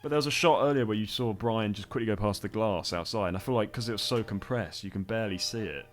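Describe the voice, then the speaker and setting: Low-voiced man chatting over his video. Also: fast talker, faint music behind. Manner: rambling, self-critical, laughs often. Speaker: video creator giving commentary. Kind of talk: casual commentary chat.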